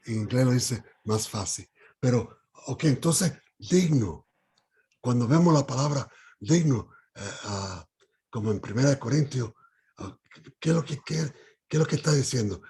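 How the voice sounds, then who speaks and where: Slow, husky man leading Bible study. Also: mid-range voice, lively intonation, a little mellow. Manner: halting, with many fillers and restarts; asks the group questions.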